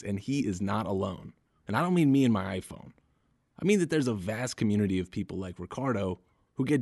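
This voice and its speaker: A man's voice: lowish voice, darkish tone, no room sound, studio quality. Wry man hosting a podcast. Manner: wry, conversational. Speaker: podcast host. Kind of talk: scripted radio narration.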